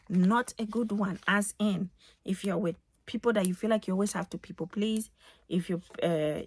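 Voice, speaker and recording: A woman's voice: mid-range voice, a little hiss or hum. A woman, giving life advice in a casual home vlog, preachy and emphatic, repeating phrases for stress. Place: home, getting ready for the day.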